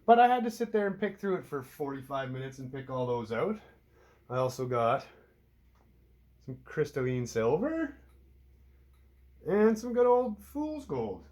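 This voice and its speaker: He has a mid-range, sing-song voice with a darkish tone, taking his time and leaving long pauses. An outdoor hobby vlogger from Canada with a stuffy cold, he rambles about his hobby to the camera indoors at home, swearing offhandedly and making self-deprecating asides.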